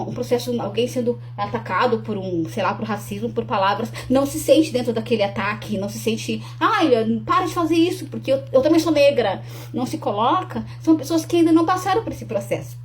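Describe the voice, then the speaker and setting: Her fairly high voice moves fairly quickly as this young adult woman from Rio Grande do Sul, Brazil, talks earnestly to camera to promote her talk. She keeps restarting and adding tag questions, and there's slight background noise.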